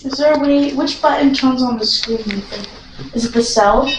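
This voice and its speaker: A woman vlogging a ghost investigation in an excitable, spontaneous way, putting questions and requests to a spirit and often rephrasing them. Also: high-pitched, normal speed. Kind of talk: spontaneous vlog narration while addressing a spirit with questions. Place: echoey room inside a castle. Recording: roomy echo, some background noise.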